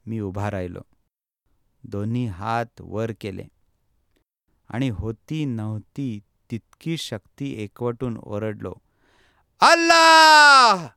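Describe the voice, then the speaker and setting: A man reading a first-person travel memoir aloud in steady, measured narration. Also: lowish voice, creaky, no echo, clean studio sound.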